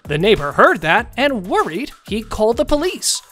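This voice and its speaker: A narrator reading a scripted countdown video in a lively, sing-song way. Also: medium pitch, normal speed, faint music behind.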